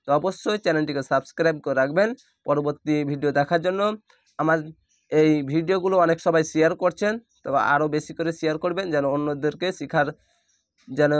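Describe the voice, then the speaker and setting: A man teaching Quran reading, spelling each letter and vowel mark and then drawing out the joined syllables in a slow lesson. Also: fairly high pitch, no echo, clean studio sound.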